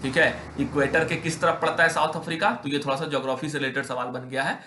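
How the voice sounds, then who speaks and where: Lively teacher. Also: male voice, fairly high pitch, roomy sound, a little hiss or hum. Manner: reads English lines slowly, then explains with rising emphasis; quizzes students with rhetorical questions. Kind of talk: class lesson explaining an English text in Hindi.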